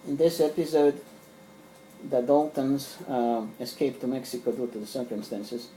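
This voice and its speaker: A middle-aged man, a native Serbian speaker, casually shows off his comic collection in a small room at home. His warm, medium-pitched voice moves at a normal speed as he rambles with fillers and restarts. The audio is poor, with slight background noise.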